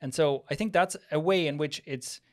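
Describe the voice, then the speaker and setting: A man's voice: on the high side, moderate pace. Reflective man on a studio podcast. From Switzerland. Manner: reflective, thinking aloud with many restarts. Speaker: podcast co-host. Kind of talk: casual podcast conversation. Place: small studio room with plant wall. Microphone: studio mic on boom arm, headphones.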